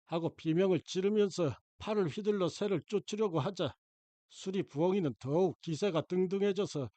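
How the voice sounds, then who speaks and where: Male audiobook narrator, high voice, calm measured reading, dry close-mic sound. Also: no room sound. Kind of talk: scripted storybook narration.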